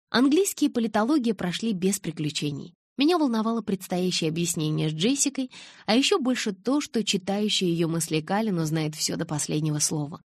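A woman narrating a novel in the first person with lively, expressive storytelling. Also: on the low side, no room sound, clean studio sound. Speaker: audiobook narrator.

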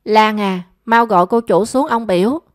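A mild, weary older father from an audio storybook, speaking softly and patiently, as a woman narrator voices him. His tone is resigned rather than forceful. The recording is close and dry. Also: mid-range voice, normal speed, dry recording, lightly acted. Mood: gentle.

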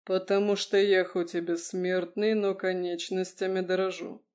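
A woman voicing a calm, dry-witted male vampire doctor who speaks in an even, measured tone. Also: lowish voice, close to an everyday voice.

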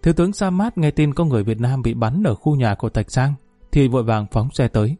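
A man reading a story aloud in a steady, even narrating voice. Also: medium pitch, quick pace, dry recording, faint music behind. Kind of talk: scripted narration.

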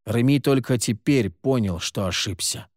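A man narrating an audiobook in a measured, expressive storytelling manner. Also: mid-range voice, no echo, studio quality.

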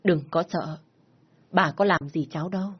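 A woman's voice: fairly low pitch, normal speed, breathy edge, dull audio. Woman doing a grieving mother about sixty. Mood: sorrowful. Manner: soft, sorrowful.

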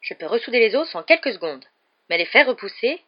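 A woman voicing a stern older school nurse in an audiobook reading, sharp and scolding in manner. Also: medium pitch, lively intonation, fast talker, dull audio, lightly acted.

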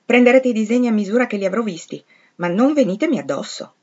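A brusque, imperious gentleman, as a woman reader puts him on, clipped and used to giving orders. His questions come short and commanding, in a middle-low voice. The recording is a little dull and lo-fi. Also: a little fast, natural voice.

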